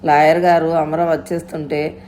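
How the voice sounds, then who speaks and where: A woman's voice: sits low, little pitch movement, normal speed, a little mellow, a little hiss or hum. A woman narrating a story in a scripted storytelling style, reading every character in her own voice.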